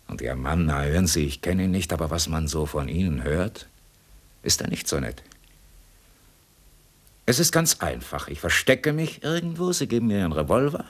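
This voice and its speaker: In a German radio crime drama, an actor with a low male voice plays a cool, sardonic escaped convict who mocks and coaxes with cunning politeness.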